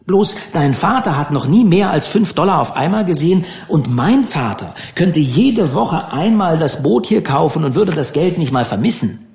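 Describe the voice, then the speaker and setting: A man's voice: fairly high pitch, animated, normal speed, creaky, a little mellow, reverberant, pitched above the performer's own voice. A man voicing a spoiled, haughty rich teenage boy who sounds boastful and indignant in an audiobook.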